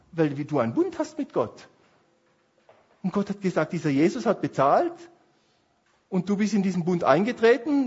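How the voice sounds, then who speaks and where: Man, pastor, sermon, husky voice, hushed to emphatic, muffled recording. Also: high voice. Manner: passionate, swings between hushed and emphatic.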